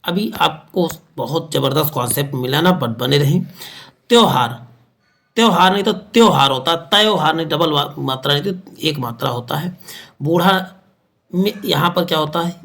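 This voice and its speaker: A man teaching an online exam-prep lesson with an energetic, emphatic delivery, often repeating words for emphasis. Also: fairly high pitch, moderate pace, gravelly. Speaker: Hindi grammar teacher.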